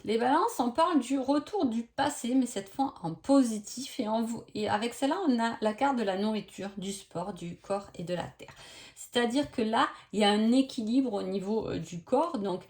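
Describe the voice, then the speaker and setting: A woman's voice: a little high, moderate pace, a little mellow. Woman doing a laid-back card reading by star sign, hesitant and chatty, keeps asking if you get what she means. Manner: chatty, many hesitations and tag questions. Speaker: oracle card reader. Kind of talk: casual astrology reading by sign.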